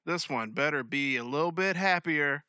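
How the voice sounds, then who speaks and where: Man, American accent, bright forceful voice, dry close sound, animated joking podcast co-host. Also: a little high, moderate pace, smooth, no room sound. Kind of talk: casual comedic chat.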